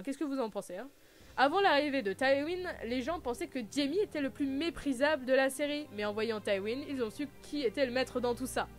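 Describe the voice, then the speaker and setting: Woman, vlog host, high voice, chatty, playful asides. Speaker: video host. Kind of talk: casual character recap vlog.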